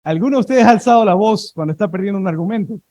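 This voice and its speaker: A male pastor preaching a sermon, telling lively everyday stories and having the congregation repeat words after him. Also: sits high, very fast, no room sound, low-quality recording.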